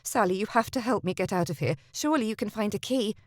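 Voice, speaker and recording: A woman voicing a headstrong young noblewoman in a storybook romance, quick to flare with sharp, indignant retorts. Her voice sits in a middle range and sounds close and dry. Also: mid-range voice, expressive, dry recording, natural voice. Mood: pleading rueful.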